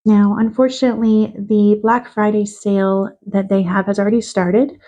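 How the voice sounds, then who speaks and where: A woman from Canada who is a bit winded from being sick, quickly reviewing eyeshadows and listing their color shifts one by one. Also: medium pitch, level tone, mellow, muffled recording. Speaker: beauty reviewer.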